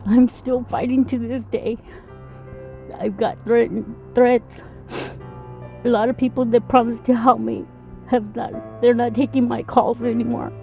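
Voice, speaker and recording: Woman, mother interviewed, higher voice, mellow tone, faint music behind. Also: level tone, measured pace, creaky. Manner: earnest, pleading, repeats herself. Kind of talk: emotional interview testimony.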